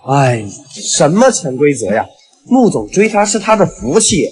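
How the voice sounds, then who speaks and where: A man's voice: a little high, sing-song, unhurried, a little mellow. An actor playing a fawning, bullying male supervisor in a short web drama.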